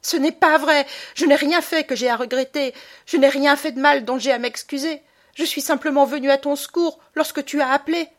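Woman doing a young boy in an audiobook, high and loud, hurt and defiant. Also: steady tone, a little fast, lightly acted. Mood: indignant. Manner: high, loud, indignant outbursts. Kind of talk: audiobook character voice.

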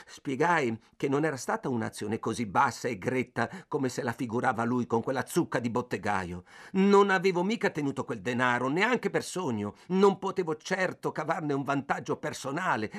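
A man's voice: mid-range voice, animated, moderate pace. Intense male audiobook narrator. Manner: intense first-person reading, swinging from hushed gloom to agitated bursts. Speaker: audiobook reader. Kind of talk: dramatic literary audiobook narration.

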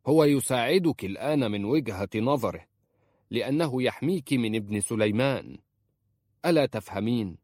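A man's voice: mid-range voice, lively intonation, normal speed, a little mellow, dry recording, clean studio sound, natural voice. A man voicing a stern, protective uncle who scolds sharply in a story reading. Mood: scolding.

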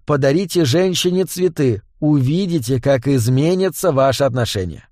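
Brief: a man reading as a prim elf, lively pitch, sniffy, dry sound. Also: normal speed, dry recording, lightly acted. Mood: disapproving. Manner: prim and disapproving. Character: fussy, prim male elf, disapproving. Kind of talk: audiobook character voice.

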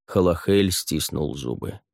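A man reads fantasy narration in a low, deep voice. The delivery is even and measured. The sound is dry and close, with no room. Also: creaky, dry recording. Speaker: audiobook narrator.

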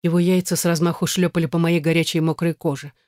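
A male audiobook reader in steady, even scripted narration. His voice sits a little high for a man. The recording is dry and close, with no room sound. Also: quick pace, dry recording.

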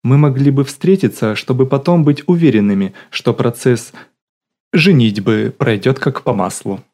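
A man's voice: mid-range voice, moderate pace, a little mellow, natural voice. A man voicing a bossy middle-aged woman who swings between syrupy sweetness and barking drill-sergeant commands, in an audiobook. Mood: syrupy eager.

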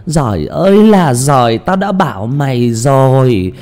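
A man voicing a scolding old village woman, loudly scolding and wailing. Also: medium pitch, lively intonation, measured pace, soft background music, voice pushed up, lightly acted. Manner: loud, scolding, wailing lament.

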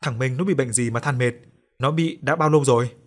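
A man reading a stern, gruff old grandfather. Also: mid-range voice, fairly quick, natural voice. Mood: alarmed. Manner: gruff, scolding.

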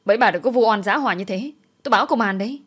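A woman's voice: fairly high pitch, very fast, fairly bright tone, breathy edge, voice pushed up. A woman as a cornered young mother. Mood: desperate. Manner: protesting firmly. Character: young mother defending herself.

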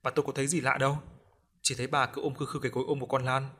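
A man's voice: mid-range voice, flat delivery, racing, fairly bright tone, breathy edge. A man voicing an old husband who grumbles in a bemused, plain-spoken way. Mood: puzzled.

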